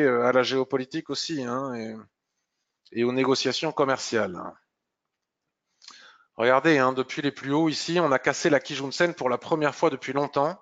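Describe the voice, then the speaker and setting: A man presenting a live market review, explaining charts while thinking aloud, pausing and clearing his throat. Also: on the high side, a bit bright, dull audio. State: slightly hoarse, clearing throat.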